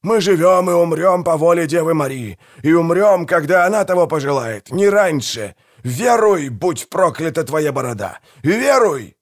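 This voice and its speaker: A man's voice: on the high side, lively intonation, normal speed, hardly any pauses, pitched above the performer's own voice. A man voicing Manfred, a fanatical, hot-tempered bearded grave robber who bellows his prayers in an audiobook. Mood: roaring. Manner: bellowing, zealous.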